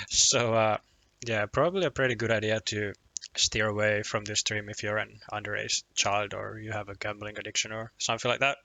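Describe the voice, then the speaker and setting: A young Finnish man, Finnish being his first language, speaks with a Finnish accent in a fairly low, creaky voice that's pushed and bright, flat in delivery and at normal speed, with no echo. Chatting casually on a poker live stream, he rambles, restarts often, chuckles, and pokes fun at himself.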